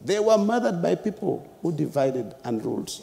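A young man delivers an impassioned panel talk, piling up repeated phrases for emphasis. His voice is dark and gravelly, with a long hall reverb around it. He speaks through a lapel mic in a lecture hall. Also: a little high, very animated, moderate pace. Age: young adult. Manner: emphatic, repetitive rhetorical phrasing with gestures.

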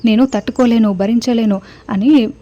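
A woman's voice: fairly high pitch, fairly even intonation, moderate pace, highs cut off, close to an everyday voice. A woman voicing a furious middle-aged mother who hurls accusations and threats, in a retold TV serial. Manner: shouting accusations.

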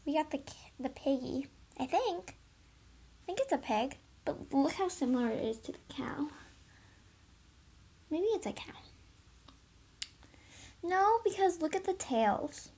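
A woman's voice: high voice, lively intonation, a little slow, pauses often, mellow. A woman chatting playfully and casually while reviewing toys at home in a carpeted room, recorded on a camera set on the floor. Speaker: toy reviewer. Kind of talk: casual toy unboxing chat.

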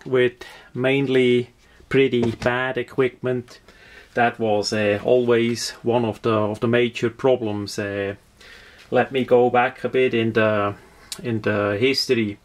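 A man with a Swiss accent talks through a product demonstration without a script. His pitch is average and his pace is slow. He is halting, often searching for a word and repeating himself as he goes. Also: little pitch movement. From Switzerland. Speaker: product reviewer.

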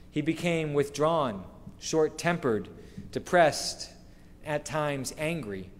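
Man, rabbi, sermon, slow emphatic phrasing, slightly high-pitched, reverberant hall. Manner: measured, earnest preaching with slow emphatic phrases. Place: synagogue sanctuary, standing at a wooden lectern. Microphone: lectern microphone. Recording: long reverb of a large hall.

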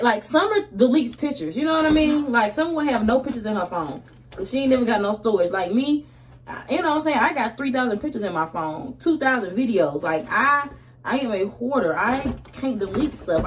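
A woman's voice: a little high, lively intonation, a little fast. A woman in her twenties with an American accent, chatting casually and slangily while getting ready in a small room. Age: 20s. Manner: slangy, conversational. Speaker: vlogger. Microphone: camera a short distance away. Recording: roomy distant camera mic, faint noise.

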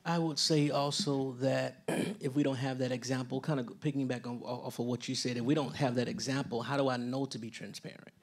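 A man speaking as a guest on a panel in a measured, earnest way, stumbling over a word now and then. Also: mid-range voice, level tone, breathy edge. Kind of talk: panel discussion.

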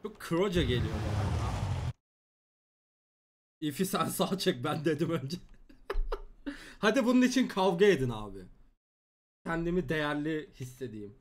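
A young man chats casually over his gameplay, joking and teasing his viewers. His voice sits high and swings up and down. Keyboard typing clicks away behind him. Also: big pitch swings, unhurried, long pauses, slight background noise. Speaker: gaming streamer.

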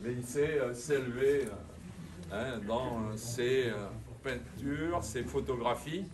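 A man who is a departmental councillor gives a rambling, halting speech at an exhibition opening, full of fillers. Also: mid-range voice, distant mic. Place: exhibition room in an old town hall. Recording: echoey room, voice from afar, ambience noise.

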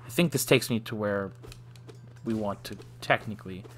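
A man's voice: on the low side, normal speed, a little hiss or hum. A man giving casual let's play commentary, joking and self-deprecating, often sighing. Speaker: gaming channel host.

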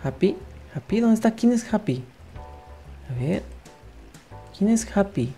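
A man with a Mexican accent giving playful, excitable gameplay commentary as a channel host, chatting to his viewers. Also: high-pitched, a little slow, breathy edge, soft background music.

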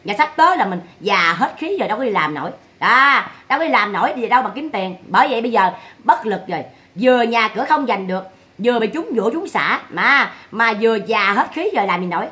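A woman's voice: a little high, expressive, fast, pushed and bright. A woman, scolding and mocking someone in a vlog monologue full of rhetorical questions. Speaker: vlogger commenting on family drama.

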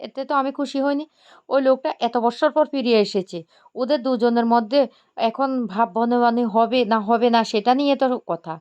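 A woman's voice: a little high, normal speed, darkish tone, clean tone, close to an everyday voice. A woman voicing an angry, grumbling older uncle, with slightly dull sound. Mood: annoyed.

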